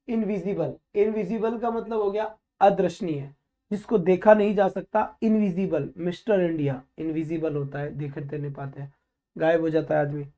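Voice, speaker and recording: A man's voice: sits high, warm tone. A man teaching a live online vocabulary class, drilling the students by asking a question and then answering it himself, and calling them "beta" in a friendly, instructive way. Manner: drilling, asks and answers his own questions.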